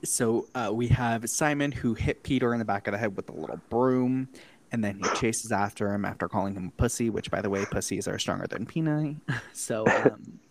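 A man with a lowish voice casually recaps a horror film alongside a co-host, talking at a normal speed. He's animated and profane, swearing often and laughing between lines. The low-quality recording carries slight background noise.

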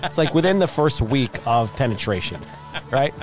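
Male co-host, mid-pitched, teasing, crude humor, with soft music underneath. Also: sing-song, normal speed. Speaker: podcast co-host. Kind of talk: casual chat. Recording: faint music behind the voice. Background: recorded music.

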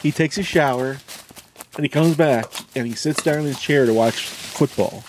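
Man, deadpan, low-key storytelling, mid pitch, noisy recording. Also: moderate pace.

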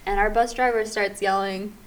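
A woman's voice: mid-range voice, steady tone, moderate pace. A young adult woman co-hosting a podcast, chatting casually and quoting people in character as she tells stories. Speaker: podcast co-host. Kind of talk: casual chat.

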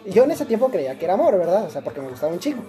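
A young man with a Mexican accent talks quickly through a personal story, full of slang and false starts. His voice is mellow and dark, with faint music playing underneath. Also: high-pitched, sing-song. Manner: rambling, slangy, many restarts. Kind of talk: casual storytelling chat.

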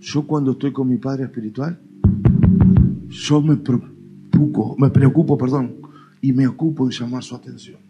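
A male pastor with an Argentine Spanish accent, preaching a lively, colloquial sermon with playful mock dialogues. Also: mid-range voice, moderate pace, long pauses, muffled recording, soft background music. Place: church.

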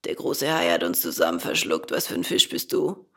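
A woman voicing a calm, resigned old male dolphin with a hoarse voice. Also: rumbling low, pitched below the performer's own voice, full character voice. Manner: calm, unhurried.

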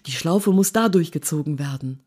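A woman voicing a gruff, grumbling male war reporter who scolds and sighs, in an audiobook reading. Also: low voice, normal speed, darkish tone. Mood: exasperated scolding. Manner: grumbling, exasperated, hisses and scolds.

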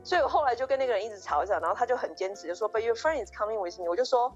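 Fast-talking young woman telling a story. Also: on the high side, muffled recording, soft background music. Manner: animated, breathless retelling with many restarts and quoted dialogue. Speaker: podcast co-host. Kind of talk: casual storytelling chat.

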